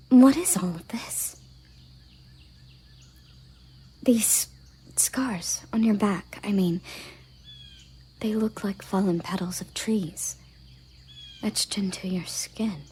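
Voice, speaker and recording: Shocked and demanding, a woman voices a haughty elven guard captain in a scripted roleplay drama, her husky mid-range voice soft and frequently half-whispered. Her wording stays formal and deliberate.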